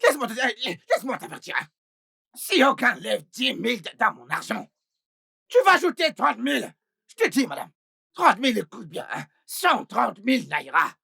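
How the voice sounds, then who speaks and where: A woman dubbing a grovelling, scheming male house employee, with a raspy voice and stammering, wailing pleas. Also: a little high, sing-song, normal speed, pushed and bright, exaggerated voice. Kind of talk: French film dub.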